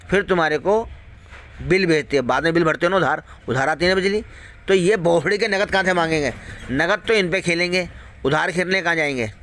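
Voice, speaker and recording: A man's voice: on the high side, fairly bright tone. A man delivering a heated, profane rant straight at viewers, repeating his points and firing off rhetorical questions. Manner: heated, repetitive, heavily profane. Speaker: video host warning viewers. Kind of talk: angry ranting monologue to viewers.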